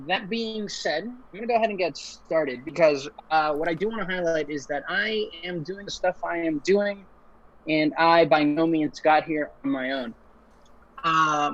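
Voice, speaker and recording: A young man speaks in a somewhat raised voice, earnest and relaxed, giving a casual webinar talk as a guest engineer. He stumbles into restarts and fillers as he goes. His voice comes through dull and muffled over a video call. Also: fairly high pitch. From Ecuador, raised in Puerto Rico.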